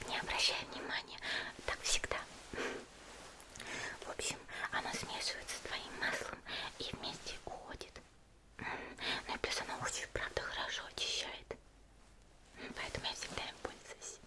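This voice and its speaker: In an ASMR spa roleplay, a woman plays a cheerful, caring young female warrior, whispering gently and chattily in a breathy, unvoiced whisper. She is unhurried and explanatory, with soft hesitations, and her voice sounds natural.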